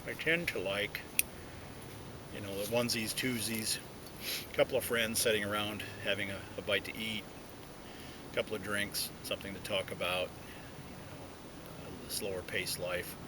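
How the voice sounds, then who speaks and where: Guy with a real deep voice chatting slowly thru thoughts w pipe in his mouth, lots of rumbly outdoor noise. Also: fairly even intonation. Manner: hesitant, reflective, halting. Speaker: pipe smoking video blogger. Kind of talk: casual solo chat to viewers. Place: outdoors, sitting inside a hollow tree. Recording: noisy outdoor recording with low rumble.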